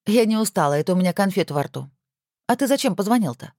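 A woman voicing a lively, witty wife who is an editor, with playful exclamations. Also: medium pitch, quick pace, dry recording, studio quality, voice pushed up.

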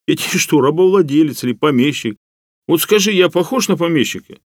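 Storybook: man playing a blunt, exasperated everyman, colloquial, raised and lively delivery. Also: fairly high pitch, fairly quick, dry recording, studio quality, pitched above the performer's own voice. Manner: irritated, colloquial, emphatic. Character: blunt, exasperated young Soviet-era man, Lyokha.

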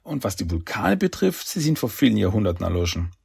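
A man's voice: lowish voice, big pitch swings, fast talker, vocal fry, a little mellow, slightly rough, dry recording, clean studio sound, full character voice. A man voicing a cocky young male turtle hero in a storybook reading, teasing and upbeat. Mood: mocking.

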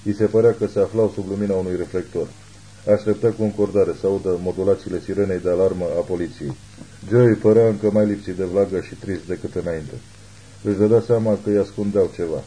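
A man narrating an audiobook in a steady, measured reading. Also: deep voice, slightly rough, rough recording. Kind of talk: scripted narration.

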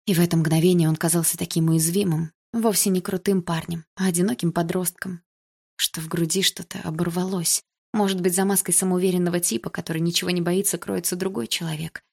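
A woman narrating a first-person novel with an expressive, emotional reading. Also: lowish voice, gravelly, slightly rough. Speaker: audiobook reader.

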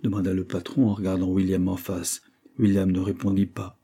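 Husky, low-voiced male audiobook narrator. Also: little pitch movement, fairly quick, warm tone. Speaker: audiobook reader. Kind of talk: scripted narration.

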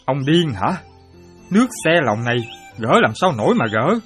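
An actor playing an excitable, boastful former soldier who loves chess, full of exclamations. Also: male voice, medium pitch, moderate pace, faint music behind, natural voice. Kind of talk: radio play acting.

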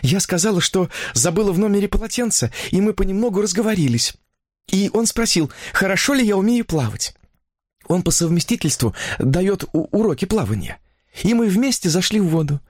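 A man's voice: sits high, animated, a little fast, a little mellow, no echo, clean studio sound, pitched above the performer's own voice. Man putting on a gushing young woman.

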